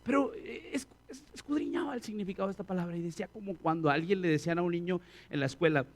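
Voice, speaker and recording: High-voiced man preaching a lively sermon. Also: quick pace. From Latin America. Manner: animated, acts out quoted voices, swings between loud and hushed. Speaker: pastor.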